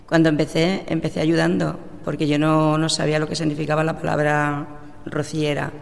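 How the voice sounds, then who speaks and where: A woman's voice: sits low, flat delivery, a little fast, gravelly. A middle-aged woman from La Mancha, answering in a radio interview in an earnest, reflective way. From La Mancha, Spain. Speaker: president of a religious brotherhood. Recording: reverberant room.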